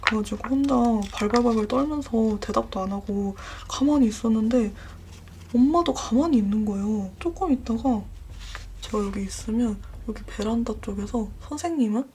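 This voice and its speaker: A young adult woman vlogger casually telling horror stories, dropping into hushed whispers at the scary parts. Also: fairly high pitch, moderate pace, a little hiss or hum. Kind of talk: casual horror storytelling while journaling.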